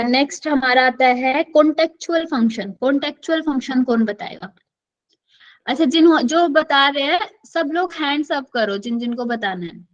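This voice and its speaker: ऊँची आवाज़ वाली शिक्षिका, online class. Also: female voice, sits high, highs cut off. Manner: quizzes students by name, switches often between Hindi and English. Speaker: online class teacher. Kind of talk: online class teaching.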